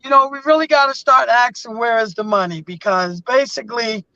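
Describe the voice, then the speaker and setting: A woman talks with a bright, forceful edge, building her points in an emphatic, rallying rhythm. Her voice is close and dry. The sound is dull and lo-fi. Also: fairly high pitch, brisk, no echo. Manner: emphatic, rallying, preacher-like cadence. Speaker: guest community advocate. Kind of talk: casual live conversation.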